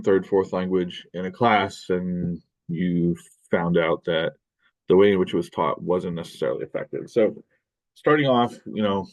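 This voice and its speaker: A middle-aged American man with a deep, low voice teaches a college linguistics class from a desk in an indoor room. The lecture is recorded over screen share and sounds like it was captured by a webcam. His delivery is loose and rambling, with many fillers, restarts and self-corrections.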